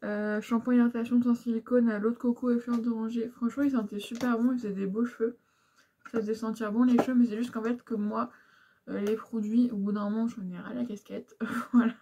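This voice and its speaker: A woman's voice: a little high, little pitch movement, fairly quick, warm tone, slight background noise. A young woman frankly chatting through beauty products she has used up, with lots of fillers and asides. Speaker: beauty vlogger. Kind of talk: casual product review chat.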